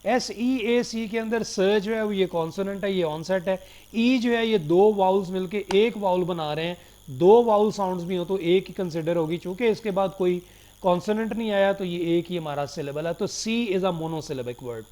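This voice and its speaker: A man lecturing on phonetics in Hindi-Urdu mixed with English terms. He reads English definitions slowly and checks in often with his students. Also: high voice, a little mellow. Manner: checks in often with "theek ho gaya". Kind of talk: recorded lecture.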